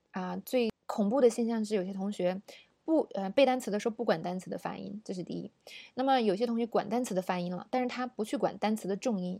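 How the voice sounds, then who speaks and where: A woman from China teaching English pronunciation, explaining patiently and modeling words slowly. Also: mid-range voice, darkish tone, no room sound. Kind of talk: spoken language lesson.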